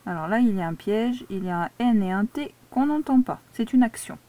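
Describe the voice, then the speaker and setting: A woman's voice: a little high, expressive, a little fast, dark tone, no echo. A woman teacher giving a dictation lesson to a child, patiently spelling words out syllable by syllable. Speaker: primary school teacher.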